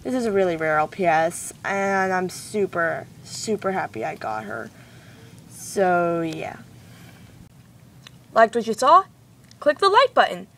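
A woman's voice: lowish voice, sing-song, measured pace, pauses often, a bit bright. Teen girl, chatty unboxing vlogger, sore throat from a cold, retainer in, recorded a little away from the mic with faint traffic behind. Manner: bubbly, chatty, wearing a retainer. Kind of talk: casual chat to camera. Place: home, cars passing outside. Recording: mic a bit distant, faint street noise.

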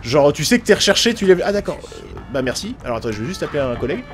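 A man with a French accent giving casual, excitable commentary on a police game, swearing often and laughing. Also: a little high, racing, soft background music. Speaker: gaming YouTuber.

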